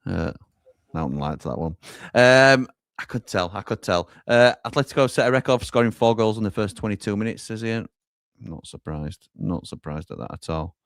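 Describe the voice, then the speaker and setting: A man hosts a live football watchalong in a low voice. He reads out viewer comments and hands over to reporters at the grounds. The sound is close and dry. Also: expressive, moderate pace, no echo. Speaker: watchalong host.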